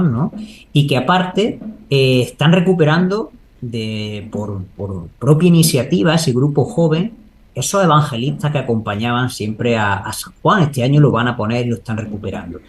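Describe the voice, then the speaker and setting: A man answering in a spontaneous interview, earnest and discursive, often adding tag questions to seek agreement. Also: mid-range voice. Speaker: local interviewee, Holy Week proclamation speaker. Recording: noticeable background noise.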